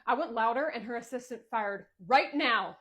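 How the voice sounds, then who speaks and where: A woman's voice: a little high, expressive, normal speed, pitched above the performer's own voice. A woman playing an entitled school mom who talks in a demanding, indignant way.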